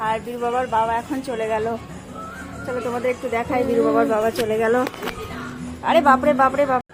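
A woman's voice: fairly high pitch, fairly even intonation, fairly quick. A young mother chatting casually to her viewers at home, cooing to her child. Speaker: mother and vlogger. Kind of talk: casual home vlog chat. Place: apartment home during rain. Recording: music playing under the voice.

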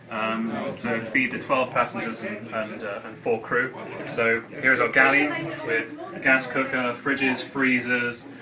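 A middle-aged man giving a guided tour in a calm, explanatory manner, like a museum guide. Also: medium pitch. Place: on board a boat, deck and cabins. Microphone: handheld camera a few feet away. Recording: distant mic, loud background chatter. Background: crowd chatter.

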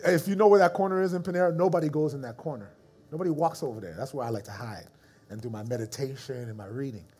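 A male pastor giving a storytelling sermon in casual slang, acting out the people in his stories and dropping to a soft, slow voice for reflective moments. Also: medium pitch, husky.

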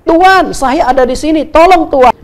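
A woman voicing a desperate young man stranded on a cliff, shouting and pleading for help. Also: high-pitched, moderate pace, voice pushed up.

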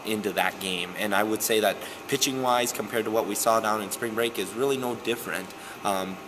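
A young man coaching softball talks through a postgame interview in a gym. His voice sits low, and he speaks with earnest steadiness, often pausing on "um". A clear hiss runs under the recording. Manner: earnest, steady, frequent "um" fillers. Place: gym, indoors.

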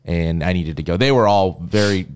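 Animated man telling a sports story. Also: deep voice, moderate pace, smooth. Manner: animated storyteller, swears and laughs at himself. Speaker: podcast co-host. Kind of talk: casual sports podcast chat.

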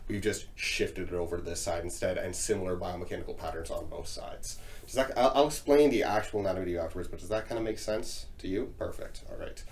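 A man's voice: low voice, fast talker, a little mellow. A man in his thirties talking as a chiropractor, giving clinical explanations during a hands-on exam. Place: small indoor treatment room. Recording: noisy room ambience.

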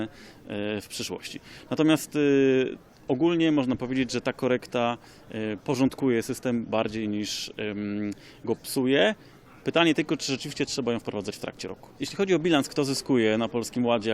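A man, a lawyer, giving an expert comment in a measured way, often pausing with hesitation fillers. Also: mid-range voice, darkish tone. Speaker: lawyer commenting on tax changes.

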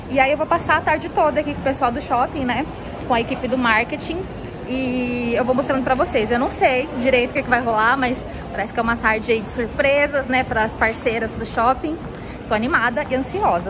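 A woman, speaking through a face mask, chatting excitedly to her viewers while walking through a shopping mall. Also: high voice, brisk, noisy background. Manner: bubbly and gushing, keeps addressing viewers. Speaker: fashion vlogger. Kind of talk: casual vlog chat to viewers. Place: indoors in a busy shopping mall. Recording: loud mall crowd and music behind.

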